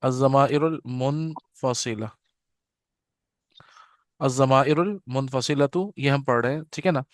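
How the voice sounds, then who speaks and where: A man teaching an Arabic grammar class. He repeats each term slowly and keeps checking that his students follow. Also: mid-range voice, no room sound, clean studio sound. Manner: patient, repeats terms slowly with frequent "theek hai na" check-ins; leads students in call-and-response repetition. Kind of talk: live grammar lesson.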